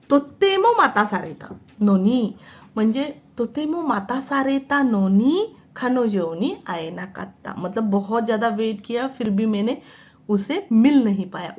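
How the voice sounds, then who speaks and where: A woman's voice: medium pitch, highs cut off. A woman teaching, explaining answers in mixed with Japanese and often checking that her students follow. She has a sore throat. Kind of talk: exam practice lesson.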